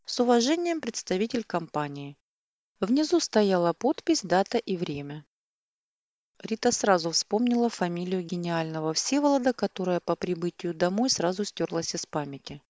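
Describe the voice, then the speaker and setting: A woman's voice: lowish voice, sing-song, normal speed, a little mellow, no echo, studio quality. A woman reading a novel aloud as the narrator of an audiobook. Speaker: audiobook reader. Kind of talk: scripted narration.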